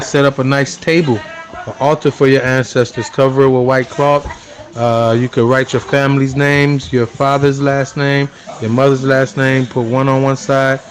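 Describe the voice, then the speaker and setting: A mid-pitched man, interviewed as a spiritual practitioner, explains things conversationally. He's earnest and unhurried, often filling pauses with "you know" and "um."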